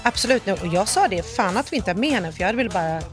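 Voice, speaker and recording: Animated woman telling a dramatic story. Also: mid-range voice, faint music behind. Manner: animated storyteller who acts out quoted speech. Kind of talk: casual chat between friends. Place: abroad in a city with coyotes.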